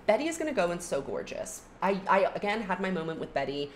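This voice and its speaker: A young adult woman with a low voice that swings widely in pitch, chatting in a lively, opinionated way and leaning on "like" fillers. A faint hiss of room noise sits under the recording. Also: fast talker. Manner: animated, chatty, frequent "like" fillers. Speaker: music commentary YouTuber. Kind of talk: casual opinionated album ranking.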